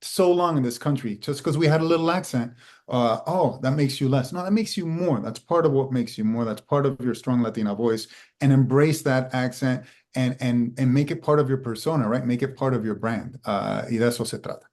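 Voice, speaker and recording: A man in his fifties speaking on a conference panel in a halting way, repeating words and mixing in Spanish phrases. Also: medium pitch, darkish tone. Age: 50s. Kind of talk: panel discussion.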